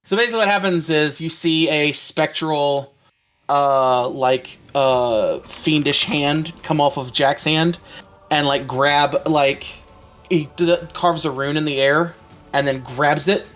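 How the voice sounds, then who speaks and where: A man's voice: a little high, takes it slowly, a bit bright, soft background music. A man chatting casually as a player at a tabletop game, rambling with lots of ums and restarts.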